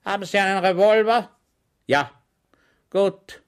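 A man's voice: sits high, unhurried, clear, resonant tone, pitched above the performer's own voice. A man voicing a feared, brutal old general who barks scornful questions and verdicts. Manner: barking, contemptuous. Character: shouting old general in civilian clothes, brutal.

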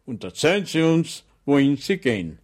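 A man voicing a friendly but cunning village police sergeant who talks in a smooth, mockingly polite way. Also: on the high side, big pitch swings, normal speed, darkish tone, pitched above the performer's own voice. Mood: coaxing.

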